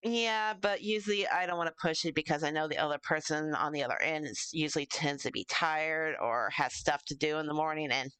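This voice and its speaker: A woman with a smooth, clear voice chats casually as a stream host. She rambles along playfully, and the sound is dry and close, free of room echo. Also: low voice, brisk, few pauses, fairly bright tone. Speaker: streamer hosting an interview stream. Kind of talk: casual chat.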